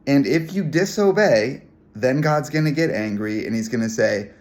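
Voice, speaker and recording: Male preacher, conversational devotional talk, mid-pitched, relaxed storytelling with ums. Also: moderate pace. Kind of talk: informal devotional lesson.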